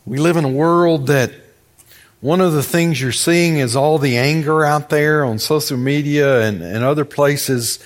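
With a medium-pitched voice, this American preacher keeps his sermon folksy and conversational, relying on stories, emphatic repetition and rhetorical questions.

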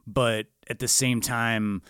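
A man's voice: medium pitch, level tone, slow pace, a bit bright, smooth, no echo, studio quality. A man co-hosting a podcast, talking earnestly about a film in casual, rambling chat. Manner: earnest, thoughtful, rambling with fillers. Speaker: podcast co-host.

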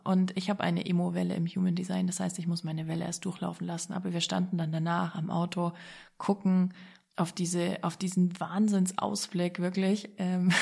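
Gravelly low-voiced woman telling a story. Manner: excited, animated, mixes in English phrases. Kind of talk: casual personal storytelling.

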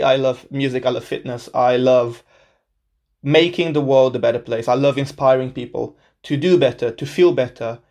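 A twentysomething Portuguese man, speaking his native language, opens his own solo podcast with a medium-pitched, slightly mellow voice. His tone is casual and upbeat, and he pokes fun at himself as he introduces the show.

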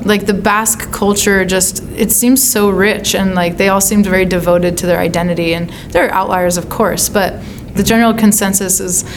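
An American woman with a medium-pitched voice, talking casually in an interview. She searches for her words in an informal, thoughtful way, with some background noise around her. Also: fairly even intonation, moderate pace, hardly any pauses. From California, United States. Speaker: songwriter being interviewed.

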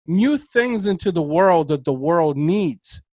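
A male podcast host with a fairly high voice. He talks with emphatic, motivational enthusiasm. The sound is dry and close, with almost no room around him. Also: lively intonation, takes it slowly, darkish tone, no room sound, low-quality recording. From Bulgaria. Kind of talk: interview conversation.

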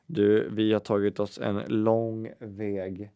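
A man's voice: on the low side, level tone, warm tone, clean tone, no echo, clean studio sound. A man co-hosting a podcast in casual chat, joking and laughing often. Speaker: podcast co-host.

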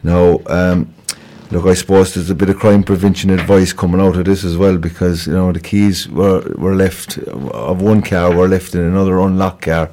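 A man with a Kerry accent speaks in a low, fairly even voice. He sounds like a police sergeant on local radio, giving an informal appeal in a halting, conversational way and doubling back on words. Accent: Kerry, Ireland. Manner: hesitant, repeats words, conversational. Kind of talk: informal crime report interview on local radio.

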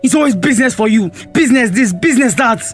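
A man's voice: extremely high pitch, lively intonation, quick pace, husky, soft background music, heavily acted. A young man with a Nigerian accent playing a resentful, neglected teenage son in a radio drama, confronting his mother. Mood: aggrieved. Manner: confrontational, accusing.

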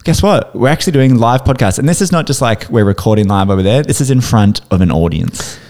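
A man's voice: medium pitch, animated, fast talker, darkish tone. Chuckling podcast co-host, man. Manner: rambling, chuckling often. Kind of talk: casual podcast banter.

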